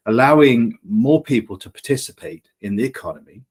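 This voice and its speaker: A man's voice: medium pitch, expressive, a little fast, slightly rough. A man giving a formal prepared statement as a sponsor spokesperson. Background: faint music.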